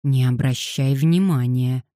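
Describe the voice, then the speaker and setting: A woman's voice: extremely low pitch, unhurried, dark tone, dry recording, clean studio sound. A woman reading an audiobook voices an impatient boy who snaps and growls at his little sister with sarcasm. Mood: urgent. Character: boy, impatient and grumpy older brother.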